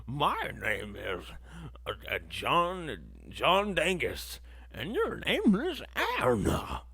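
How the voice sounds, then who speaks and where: A man's voice: on the high side, huge pitch swings, slow, creaky, sharp tone, husky, exaggerated voice. A man mocking a droning lovesick old-movie hero.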